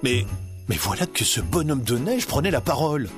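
A man narrating a children's storybook with lively, animated delivery, his pitch rising and falling freely. A soft music bed runs underneath. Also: normal speed.

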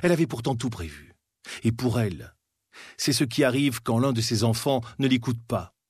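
A man's voice: medium pitch, lively intonation, normal speed, a little mellow, slightly rough, no echo, clean studio sound. Man narrating a history documentary. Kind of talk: scripted narration. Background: faint background music.

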